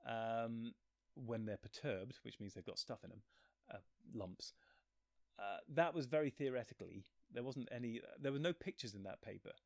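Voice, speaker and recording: A physicist and author chats casually as an interview guest, rambling, poking fun at himself, and often dropping a thought halfway through. His mid-range voice is creaky and somewhat dark, moving at a moderate pace. The recording is dry and studio-clean.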